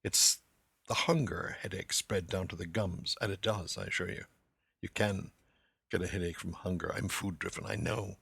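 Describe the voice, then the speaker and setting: A man hosting a literary lecture podcast in an animated way, with bursts of loud acted quotation. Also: deep voice, normal speed, gravelly, slightly rough, no room sound. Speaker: podcast host.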